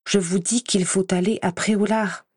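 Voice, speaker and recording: A woman's voice: mid-range voice, steady tone, moderate pace, darkish tone, breathy edge, dry recording, studio quality, lightly acted. A woman reading an audiobook voices an insistent, hot-headed teenage boy wizard. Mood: urgent. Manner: pressing, insistent.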